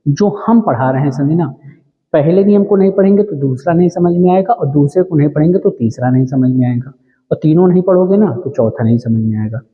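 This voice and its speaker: A man with a fairly high voice teaches an exam-prep grammar lesson. He repeats every rule and keeps quizzing the listener, dragging out the syllables of each example word. The sound is tinny and lo-fi, with a long, ringing echo. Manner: drawn-out, spelled-out syllables on the examples.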